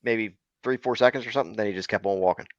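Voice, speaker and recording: A man's voice: fairly low pitch, fast, no echo. A man hosting a podcast, chatting casually and telling a story with fillers. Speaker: podcast host. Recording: dry, slightly muffled recording.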